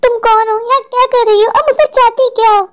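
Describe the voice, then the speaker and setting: A woman's voice: very high-pitched, fairly even intonation, quick pace. A woman voicing a frightened, complaining husband in a cartoon, talking in a fretful, panicky way. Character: frightened, whiny adult husband, mall owner. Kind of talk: cartoon voice acting.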